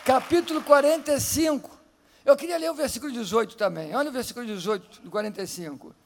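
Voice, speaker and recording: High-pitched Brazilian preacher, gravelly. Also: male voice, fast, a faint crowd. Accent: Brazilian Portuguese. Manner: swings from fervent shouting to quiet teaching, acts out Bible stories. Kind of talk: sermon.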